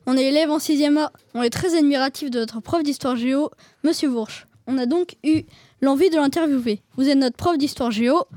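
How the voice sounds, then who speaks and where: A woman's voice: high voice, brisk, darkish tone, no room sound. A young woman interviewing a teacher, asking eager, playful questions in a casual way.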